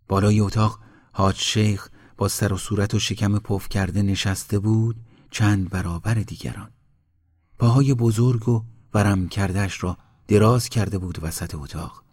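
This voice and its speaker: A man narrating a story in a measured, steady reading. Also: on the low side, breathy edge.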